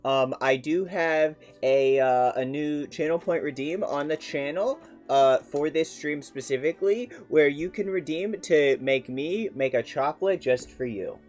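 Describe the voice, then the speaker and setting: A man chatting casually to his live stream audience, playful and rambling with plenty of fillers. His voice sits fairly high for a man. Soft music plays faintly behind him. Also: measured pace, hardly any pauses.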